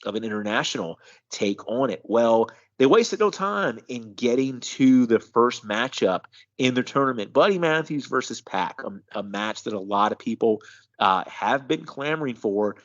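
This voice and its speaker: A man co-hosting a casual show and giving a measured, analytical recap with frequent fillers. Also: mid-range voice, lively intonation, fairly bright tone, lo-fi sound. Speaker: co-host of a wrestling news show.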